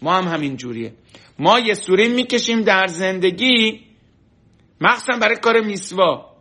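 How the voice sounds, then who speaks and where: Male religious teacher, high and bright-toned, lively storyteller who acts out quotes. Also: creaky. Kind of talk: storytelling sermon. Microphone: online class stream.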